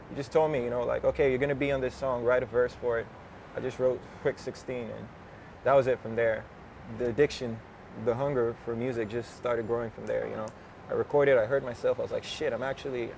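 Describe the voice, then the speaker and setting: A man's voice: medium pitch, vocal fry, darkish tone, a little hiss or hum. A man in his twenties, a rapper, chatting casually and slangily in an interview outdoors, often laughing and drifting off topic. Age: 20s.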